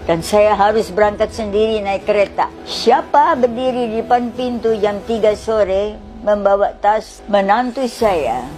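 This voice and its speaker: A woman's voice: medium pitch, a little slow, faint music behind. Older woman telling her faith testimony. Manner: animated retelling with acted quoted dialogue. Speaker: testimony giver. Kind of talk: personal faith testimony storytelling.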